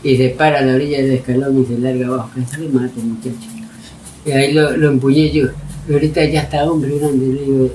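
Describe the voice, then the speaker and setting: A man's voice: medium pitch, fast talker. Man telling stories, distant and noisy. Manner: lively, acts out his own shouts in stories. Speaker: storyteller interviewee. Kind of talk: casual oral-history storytelling. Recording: distant mic with loud noise and dogs barking.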